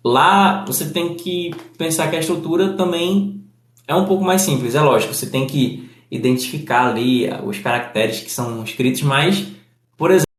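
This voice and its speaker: A man with a Northeastern Brazilian accent, explaining a language lesson slowly and deliberately, spelling out each example. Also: a little high, echoey room. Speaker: language teacher.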